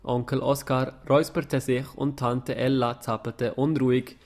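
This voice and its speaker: Man calmly reading a story aloud. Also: medium pitch, a little slow. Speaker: narrator.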